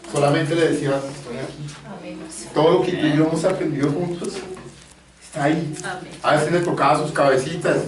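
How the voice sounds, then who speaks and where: A middle-aged man with a Colombian accent preaching a sermon and leading a prayer, in call and response with his congregation. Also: fairly high pitch. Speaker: pastor. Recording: roomy church from a distant mic. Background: congregation answering amen.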